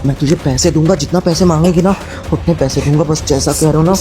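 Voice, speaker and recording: An actor playing a lecherous husband who coaxes slyly and turns blustering and defensive when caught, in a melodrama. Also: male voice, a little high, fairly even intonation, fast, warm tone, soft background music, natural voice. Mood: coaxing, sleazy. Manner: coaxing, then blustering and defensive. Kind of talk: social-media melodrama acting.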